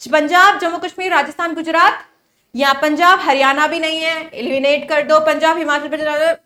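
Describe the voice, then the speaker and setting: A woman teaching an exam-prep lesson, repeating memory tricks and checking with quick questions whether her students follow. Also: sits high, steady tone, pushed and bright. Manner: mixes English phrases into Hindi teaching.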